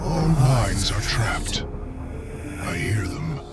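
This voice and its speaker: Haunted seer, wildly swooping voice. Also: male voice, fairly low pitch, very animated, drawn-out words, full character voice. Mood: haunted, anguished. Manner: anguished, theatrical. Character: tormented, haunted male seer. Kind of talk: dramatic game monologue. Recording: loud music under the voice.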